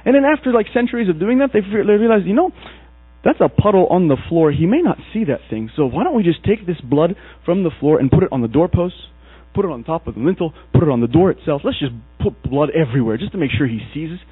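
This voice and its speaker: Quick-paced and fairly high in pitch, a man from Egypt preaches in storytelling fashion, animatedly acting out the characters he quotes. The recording has no echo and sounds tinny, dry and phone-like, with mains hum beneath his husky voice.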